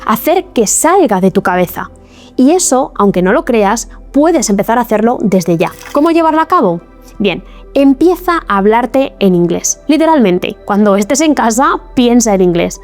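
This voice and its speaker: A fairly high-voiced woman teaches in a scripted video lesson, explaining each step clearly and with encouragement. Soft music plays faintly beneath her voice. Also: sing-song, normal speed. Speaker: English teacher.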